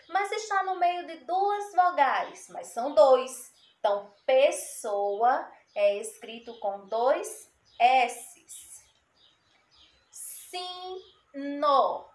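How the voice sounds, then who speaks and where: A woman teacher giving a spelling lesson to children, saying each word twice and explaining it patiently. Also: on the high side. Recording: echoey room.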